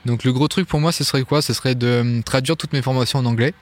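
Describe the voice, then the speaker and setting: A man from France, a guest on an interview, chatting casually in a quick, loose way with many fillers and restarts. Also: mid-range voice, fairly even intonation. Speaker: guest, online Irish music teacher.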